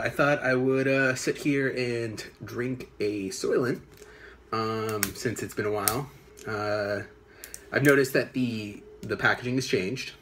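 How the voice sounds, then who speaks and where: Slight background noise sits under this mid-range, slightly bright male voice. A young man, late twenties, chats to a phone camera at arm's length in a small apartment, rambling and cursing in a loose, halting way with plenty of fillers.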